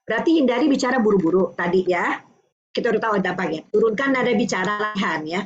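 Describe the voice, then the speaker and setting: An older woman from Indonesia giving a lively parenting talk, acting out dialogues between a parent and a child. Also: medium pitch, quick pace, muffled recording, faint music behind. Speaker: parenting speaker.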